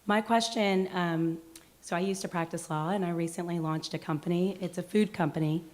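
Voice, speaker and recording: A hoarse woman who has lost her voice asks a question from the audience, friendly and a little hesitant. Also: on the low side, steady tone, normal speed, darkish tone. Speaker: audience member asking a question. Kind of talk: asking a question at a talk.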